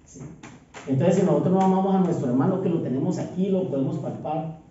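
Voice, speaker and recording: Mellow-voiced preacher in echoey church. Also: male voice, high-pitched, a little hiss or hum. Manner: asks listeners rhetorical "¿sí?" checks; reads scripture slowly with stress. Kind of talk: sermon. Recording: echoey church hall, distant dull mic.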